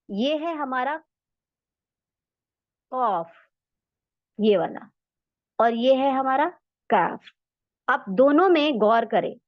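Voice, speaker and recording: A woman's voice: high voice, dry recording. A woman teaching Quran recitation in Urdu-accented speech, going step by step and patiently repeating the sounds for practice. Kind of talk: slow step-by-step lesson. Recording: dull, dry lo-fi audio.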